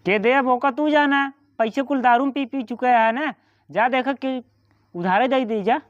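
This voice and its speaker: A man's voice: very high-pitched, normal speed, no echo. Man acting a bossy village brother-in-law, muffled sound. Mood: scolding. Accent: eastern Uttar Pradesh. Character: bossy, scheming younger village brother-in-law scolding a drunkard. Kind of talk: amateur comedy skit acting.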